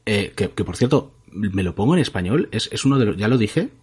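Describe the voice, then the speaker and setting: A man from talks casually on a podcast in a low, husky voice. He hesitates and restarts his sentences often as he works out what he thinks. His delivery stays loose and conversational. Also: animated, brisk, a little mellow. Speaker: podcast co-host. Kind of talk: casual chat about video games.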